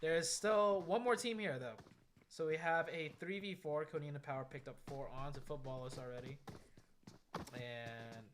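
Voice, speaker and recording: A man's voice: a little high, moderate pace. A man doing conversational play-by-play and analysis of a shooter match, explaining the tactics as he goes. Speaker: esports commentator. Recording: clear noise, game gunfire and clicks. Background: gunfire and clicks from the game.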